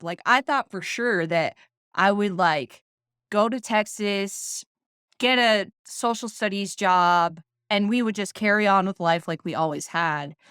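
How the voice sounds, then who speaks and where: Her voice sits on the low side and is a bit bright, captured in a dry, studio-quality recording. She's a U.S. tech founder in her thirties, casually recounting her story as a podcast guest with frequent laughs and self-deprecating chatter.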